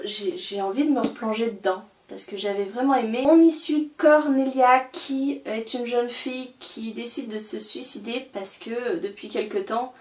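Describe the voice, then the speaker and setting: A woman's voice: on the high side, a little mellow. A young woman chatting casually and eagerly about books she bought, with many fillers and restarts. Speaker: book vlogger. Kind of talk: casual book haul vlog. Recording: roomy, a little far from the mic.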